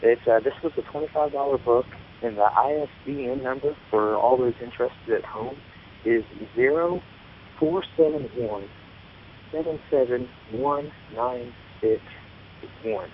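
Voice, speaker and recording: A man's voice: medium pitch, measured pace. A man with a Kentucky Appalachian twang chats casually as co-host of a tech show. The audio is thin and phone-like, with a faint hiss behind him. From Kentucky, United States.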